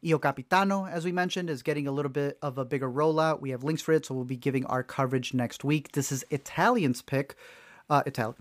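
A man's voice: on the high side, dry recording, clean studio sound. Upbeat man co-hosting a movie chat. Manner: animated, joking, quick asides. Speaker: podcast co-host. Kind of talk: casual movie-news chat.

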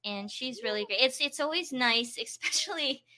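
Bright-voiced woman in casual chat. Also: sits high, animated, moderate pace. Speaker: interview guest, acting teacher.

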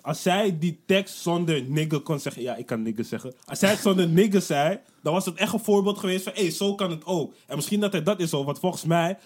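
A man in a casual podcast chat, agreeable and slangy, laughing easily. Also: a little high.

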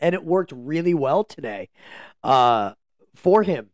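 Male sports podcast co-host, casual and joking, slightly raised pitch, dry close mic. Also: expressive, takes it slowly, no echo. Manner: meandering, joking sports analysis. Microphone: podcast microphone.

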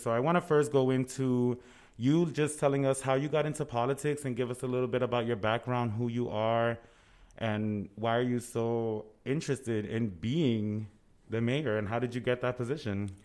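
A man's voice: medium pitch, steady tone, normal speed, a little mellow, smooth. Laid-back joking male podcast host. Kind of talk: casual podcast chat.

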